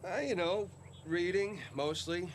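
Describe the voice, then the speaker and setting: An actor playing a joking, easygoing middle-aged ex-con treasure hunter in video game dialogue. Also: male voice, high-pitched, unhurried, a little hiss or hum. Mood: reflective.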